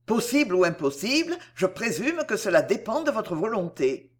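Woman reading as a proud, agitated young gentleman. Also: medium pitch, big pitch swings, normal speed. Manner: declaiming, formal and agitated. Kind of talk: audiobook character reading.

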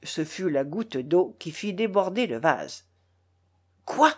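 A woman narrating a classic novel as an audiobook, in an expressive, dramatic reading. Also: low voice, measured pace, slightly rough. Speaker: audiobook reader. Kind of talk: literary narration.

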